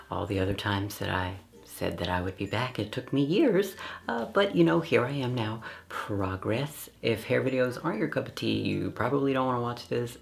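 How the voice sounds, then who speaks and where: Guy with a really gravelly fry voice, rambly casual review vlog, mid pitch. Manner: chatty, self-deprecating, rambling with fillers. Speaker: vlogger reviewing hair systems.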